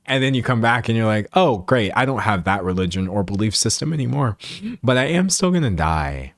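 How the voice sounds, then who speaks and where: Talking fairly quickly in a somewhat low voice, a man in his late twenties rambles casually to his livestream viewers, self-mocking and animated as he acts out imagined remarks. The studio sound is clean, with no echo.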